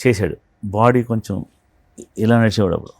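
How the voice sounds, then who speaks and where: A man, a film art director, telling animated stories from a film shoot in an interview and acting out the dialogue. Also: on the low side, brisk, gravelly, no echo. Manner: animated storyteller who acts out quoted dialogue. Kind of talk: anecdotal interview storytelling.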